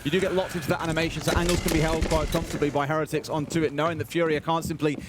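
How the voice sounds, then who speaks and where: Very fast male esports commentator. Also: fairly high pitch, level tone. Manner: chatty, colourful turns of phrase. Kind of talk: live analytical commentary. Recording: game gunfire and noise behind. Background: game gunfire.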